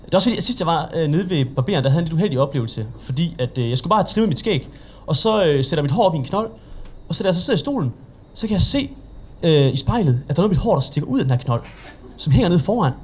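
At an open mic, a young man with a Danish accent performs stand-up, telling chatty, self-mocking stories and acting out the people in them with quoted voices. His voice is on the high side and expressive, with a little hiss or hum in the recording.

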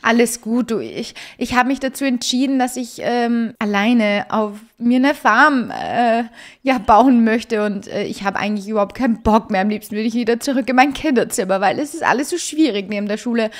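A woman voicing Enola, an excitable, horse-crazy young Sims girl who gushes eagerly. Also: fairly high pitch, moderate pace, close to an everyday voice. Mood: glum.

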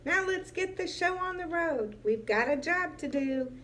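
A woman voicing a jolly, fussy old Santa Claus in a storybook read-aloud, in a light, gently playful voice. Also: very high voice, expressive, a little slow, a little hiss or hum, pitched above the performer's own voice, exaggerated voice. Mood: cheerful.

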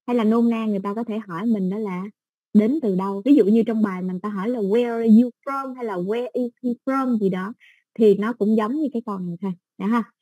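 A woman with a Southern Vietnamese accent, teaching an exam-prep English lesson in a patient, step-by-step way with soft fillers. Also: mid-range voice, steady tone, fast talker, husky, no room sound, muffled recording.

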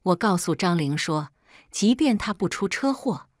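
A woman's voice: lowish voice, expressive, moderate pace, no room sound, clean studio sound. A woman narrating a dramatic first-person story, cold and taunting in the quoted lines.

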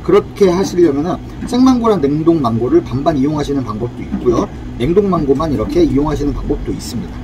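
Man, friendly cafe recipe demo, explains each step, fairly high voice, clear traffic noise. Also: expressive, quick pace, few pauses. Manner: friendly, explanatory, uses polite speech. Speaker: cafe owner teaching drink recipes. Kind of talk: casual cooking demonstration. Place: cafe counter in a kitchen.

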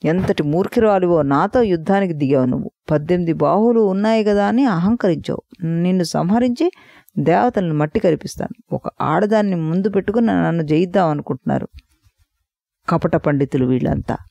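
A woman's voice: lowish voice, fairly quick, gravelly, dark tone, dry recording. A woman voicing an arrogant, raging male buffalo demon who boasts and taunts in a storybook telling. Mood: taunting.

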